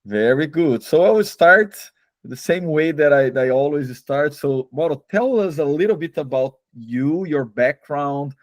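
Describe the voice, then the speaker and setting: A man's voice: a little high, expressive, measured pace, no room sound. A man hosting an interview, asking friendly questions with phrasing. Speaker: host.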